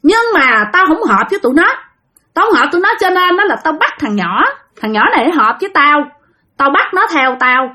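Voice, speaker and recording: Woman doing shrill high ghost of an old uncle, threatening, keeps repeating himself, spooky story. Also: big pitch swings, brisk, bright, forceful tone, heavily acted. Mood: menacing. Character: vengeful spirit of an old great-uncle possessing a woman, menacing.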